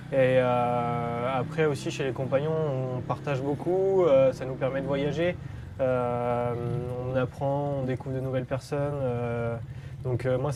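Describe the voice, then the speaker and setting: A man's voice: mid-range voice, noisy background. A man in his twenties, an apprentice stonemason, giving short, hesitant answers with many fillers in an outdoor interview. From western France. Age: 20s. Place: outdoors by a church.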